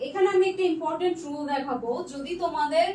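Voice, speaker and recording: High-voiced young woman tutoring in an echoey room. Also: fast talker, a little mellow. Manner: patient, checks answers one by one, mixes in English words. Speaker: online tutor. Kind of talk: live online class reading student comments. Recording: echoey room, distant mic, faint noise.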